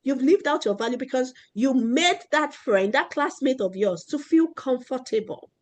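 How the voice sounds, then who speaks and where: A woman with a fairly high voice is teaching a children's class about values. She repeats each key idea and keeps checking in with "right?" and "okay?". She also puts questions to the class and answers them herself. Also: lively intonation, moderate pace.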